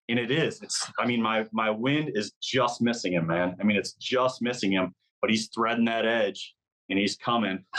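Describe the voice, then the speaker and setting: A Michigan man appearing as a podcast guest tells a hunting story in a casual, vivid way, peppering it with "like" and imitating deer calls. His voice is fairly low-pitched with a fairly bright tone, and the recording quality is poor.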